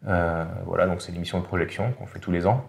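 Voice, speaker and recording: Low-voiced pilot, echoey room. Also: male voice, quick pace, creaky. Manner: calm, matter-of-fact explainer. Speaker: fighter pilot guest. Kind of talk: casual interview.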